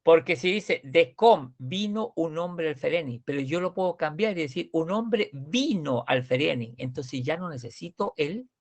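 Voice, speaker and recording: A Swedish teacher, male, speaks with a fairly high, animated voice at normal speed and barely pauses. He's teaching a language grammar class, explaining patiently, repeating words, and often checking whether students follow.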